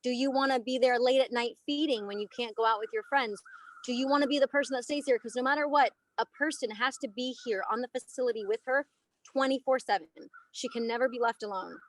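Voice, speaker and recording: She's a woman in her thirties from the United States, an elephant trainer and aerialist appearing as a podcast guest. Her voice runs on the high side and she talks fast, with lively, emphatic storytelling. The low-quality recording has no room sound.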